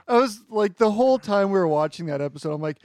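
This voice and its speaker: A man co-hosting a casual podcast, tossing in wry deadpan quips. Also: high voice, fast, dry recording, clean studio sound. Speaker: co-host. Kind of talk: casual chat.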